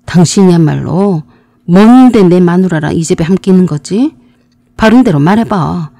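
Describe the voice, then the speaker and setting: A woman voicing a betrayed husband who loudly confronts his wife and her lover. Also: fairly low pitch, expressive, moderate pace, dry recording. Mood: angry. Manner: loud, confrontational. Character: furious betrayed husband, installation worker.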